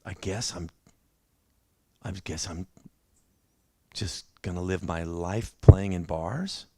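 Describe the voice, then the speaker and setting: Guy preaching at church, low voice, laid back and self-deprecating, telling his story. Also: slow, a little mellow, no echo. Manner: conversational, self-deprecating, with restarts. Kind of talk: sermon with personal testimony.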